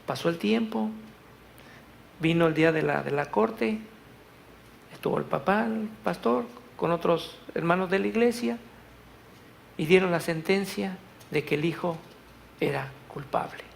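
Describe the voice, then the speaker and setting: A man delivers a church sermon in a fairly high, gravelly voice. He tells a story at an even pace and rises loud on the verses he reads aloud. A faint hum of the room sits behind him. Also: unhurried, pauses often. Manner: storytelling, swelling loud when reading scripture. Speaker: preacher. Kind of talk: Spanish-language church sermon.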